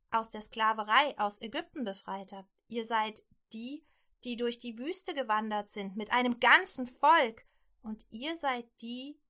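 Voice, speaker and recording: Rahab, a woman playing a quick-witted innkeeper. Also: a little high, fairly bright tone. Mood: pleading.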